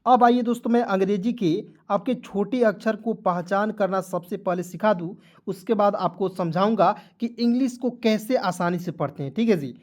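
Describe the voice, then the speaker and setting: A man teaching a beginners' online class, speaking patiently and spelling out each letter slowly. He keeps checking that his viewers follow and calls them friends. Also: sits high, a little mellow. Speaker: English teacher.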